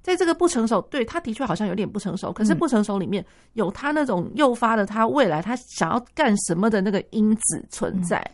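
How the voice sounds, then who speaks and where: A woman's voice: mid-range voice, lively intonation, quick pace, few pauses. Woman, radio music teacher. Conversational, thinks aloud, sings rhythm syllables mid-sentence. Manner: many fillers, thinking aloud. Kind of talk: radio music lesson chat.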